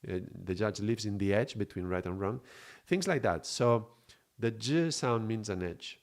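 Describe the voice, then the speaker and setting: A man from Mallorca, teaching on a spiritual live stream in an unhurried, reflective way and greeting viewers. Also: fairly low pitch. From Mallorca, Spain. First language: Spanish.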